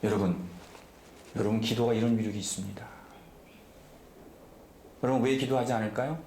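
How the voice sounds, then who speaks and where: A man's voice: fairly low pitch, fairly even intonation, a little fast, mellow, reverberant, a little hiss or hum. A man preaching a sermon as pastor, emphatic and often asking the congregation questions. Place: church sanctuary.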